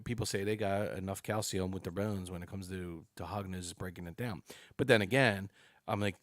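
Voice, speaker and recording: A snake breeder in his late forties guests on a podcast, chatting casually and animatedly, full of "you know" and "dude." His voice sits low, recorded at studio quality with no echo.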